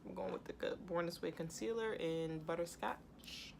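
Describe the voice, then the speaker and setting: A woman's voice: on the low side, moderate pace, gravelly. A woman chatting casually through a makeup tutorial as a beauty vlogger, giggly, tipsy and rambling. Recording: noisy room ambience behind voice.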